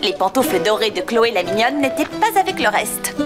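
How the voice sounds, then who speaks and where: A woman's voice: fairly high pitch, very animated, normal speed, over loud music. A young woman playing a proud, jealous teenage big sister telling stories in a dubbed TV sitcom. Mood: storytelling.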